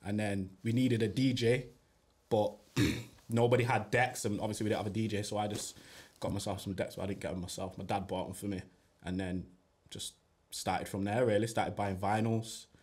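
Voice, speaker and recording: Husky laid-back man. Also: fairly low pitch, fairly even intonation, normal speed. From northern England. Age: 30s. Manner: laid-back, trails off quietly, slangy. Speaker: DJ guest. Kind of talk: casual podcast chat.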